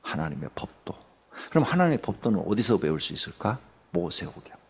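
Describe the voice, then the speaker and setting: Gravelly, husky male pastor, swooping pitch; chatty dawn sermon with quick questions to the pews. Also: very animated. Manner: conversational, asks the congregation questions; acts out everyday people in quotes, joking. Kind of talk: early-morning sermon.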